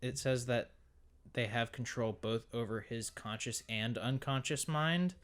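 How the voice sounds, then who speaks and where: A man co-hosting a podcast in casual chat, relaxed and quick to agree and chuckle. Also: mid-range voice. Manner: laid-back, frequent agreeing "yeah", laughs along. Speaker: podcast co-host.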